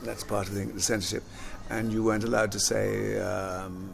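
Born in Jamaica and raised in London, an older actor and singer reminisces in a relaxed interview, rambling, repeating words, and laughing often. His voice is fairly low and creaky at a normal speed.

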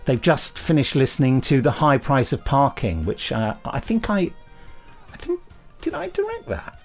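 This podcast host, also an audio drama writer and director, chats in a casual, hesitant manner, wandering and revising what he says. Faint music plays behind his medium-pitched voice, which swoops wildly in pitch at a moderate pace.

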